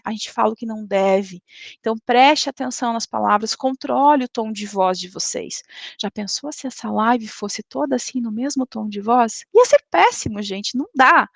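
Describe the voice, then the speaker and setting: A woman lecturing in a webinar, speaking didactically and tagging points with quick checks to the audience. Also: fairly high pitch, creaky, dry recording. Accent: Brazilian Portuguese. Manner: didactic, frequent "tá?" tag questions.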